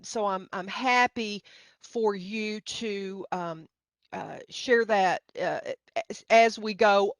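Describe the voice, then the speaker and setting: A middle-aged woman with a Middle Tennessee accent leads an informal training session. She is folksy and a little hesitant, with a self-deprecating touch. Her voice sits at a medium pitch in a dry, echo-free recording. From Middle Tennessee, United States. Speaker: university grant budget specialist, presenter.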